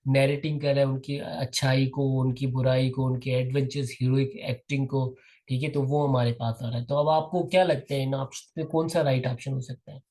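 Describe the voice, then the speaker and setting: A young man with a Pakistani accent leads an online prep class at a middle pitch. He is patient, calls students by name and lets definitions unfold slowly. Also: flat delivery, dark tone, poor audio. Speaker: test-prep teacher.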